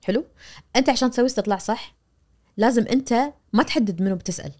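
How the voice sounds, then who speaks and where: A podcast guest in her forties, this media professor explains at very high speed in Kuwaiti-accented Arabic. She's animated and gestures freely, slipping into character for quoted voices. Her studio setup uses a boom-arm microphone.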